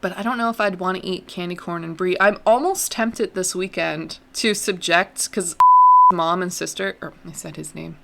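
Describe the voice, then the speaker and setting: A woman's voice: fairly low pitch, fairly even intonation, normal speed, vocal fry, sharp tone, a little hiss or hum. A young adult woman hosting a podcast, chatting casually and poking fun at herself. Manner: chatty, self-deprecating, laughs often. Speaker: podcast host. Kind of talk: casual chat.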